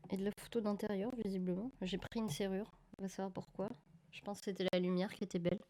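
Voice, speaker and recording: With a warm, medium-pitched voice that moves little in pitch, this woman talks at a quick pace while live-streaming her film photography work. She chats with viewers and often corrects herself midway through sentences. A desk microphone captures slightly crackling audio.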